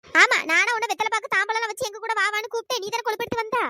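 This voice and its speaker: Squeaky, fast-talking meddling village gossip, voiced by a woman. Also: fairly even intonation, pushed and bright, no room sound, studio quality, heavily acted. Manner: scolding, sly and gossipy. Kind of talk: cartoon voice acting.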